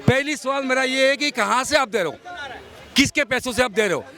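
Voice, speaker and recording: A man's voice: extremely high pitch, lively intonation, brisk, pushed and bright, some chatter behind. A man in his fifties from Assam, arguing his views insistently in a street interview outdoors. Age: 50s. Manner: argumentative, insistent, lecturing.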